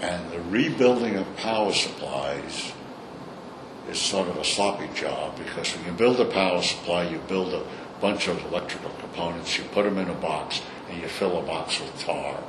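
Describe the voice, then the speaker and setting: A man's voice: low-pitched, normal speed. Blunt older man, Brooklyn accent, echoey room. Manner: blunt, salty, opinionated. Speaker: interviewee. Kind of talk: informal storytelling in a recorded interview. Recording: echoey room, clear background noise.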